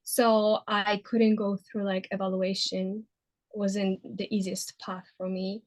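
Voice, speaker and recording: A woman in her thirties from Poland with a Polish accent, telling her story as an interview guest with many pauses and fillers. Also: medium pitch, level tone. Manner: hesitant, many fillers and restarts. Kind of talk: casual interview.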